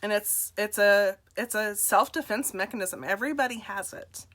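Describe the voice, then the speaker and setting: Woman, 40s. Candid, self-deprecating storyteller speaking to camera with a bright, clear tone. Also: mid-range voice, moderate pace. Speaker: nurse and direct seller.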